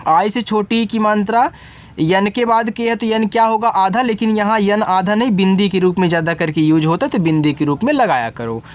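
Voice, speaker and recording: A man teaching beginners to read English, spelling each word letter by letter and then explaining it, often checking whether the learner follows. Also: high voice.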